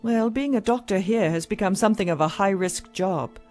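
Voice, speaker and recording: Woman acting a jaded, mellow-voiced hospital doctor. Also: medium pitch, moderate pace, faint music behind, natural voice. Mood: weary, frustrated. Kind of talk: audio drama acting.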